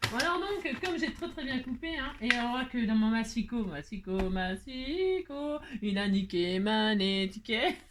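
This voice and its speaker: Over background noise, a woman with a somewhat high voice takes her time as she chats through a card-making tutorial. Her crafting talk is casual and jokey, peppered with "hein" and mock exasperation aimed theatrically at herself.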